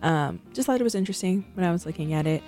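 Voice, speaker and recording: A woman's voice: lowish voice, expressive, rapid-fire, mellow, faint music behind. A young woman from San Francisco hosting a radio show, talking casually and rambling between songs with many ums and likes.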